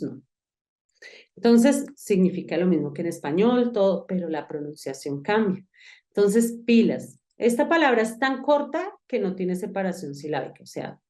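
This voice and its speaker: A woman's voice: medium pitch, mellow. A woman, an English teacher walking one student through pronunciation step by step. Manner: patient, talks to one learner, spells out each step. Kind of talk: online class with a whiteboard.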